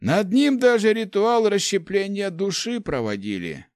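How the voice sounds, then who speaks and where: A man's voice: sits high, animated, unhurried, no echo, studio quality, pitched above the performer's own voice. A man voicing a grumpy, gloomy old male mage who grumbles his lines in an audiobook. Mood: grumbling. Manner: grumbling, growling. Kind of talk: audiobook character voice.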